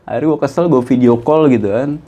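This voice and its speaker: A man, a guest telling a story in casual chat; he is animated and often laughs. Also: fast talker, highs cut off. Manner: animated, jumps high in pitch for quoted voices, laughs often.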